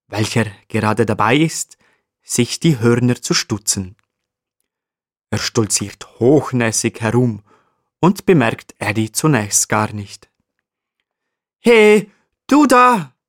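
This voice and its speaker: A man narrating a children's story in a calm, evenly read way. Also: lowish voice, no echo, studio quality.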